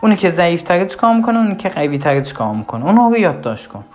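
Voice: medium pitch, sing-song, darkish tone, soft background music. A parenting coach giving a recorded course lesson, speaking directly to parents with firm instructions and rhetorical questions.

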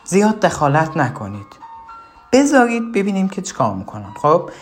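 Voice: mid-range voice, big pitch swings, faint music behind. A parenting coach giving a recorded course lesson, speaking directly to parents with firm instructions and rhetorical questions.

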